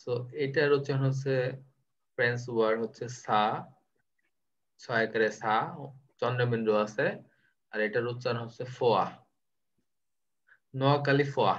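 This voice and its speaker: A man's voice: mid-range voice, fairly even intonation, moderate pace, long pauses, lo-fi sound. A man, teaching vocabulary in a live online class, playful and teasing, mixing in English words. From Bangladesh.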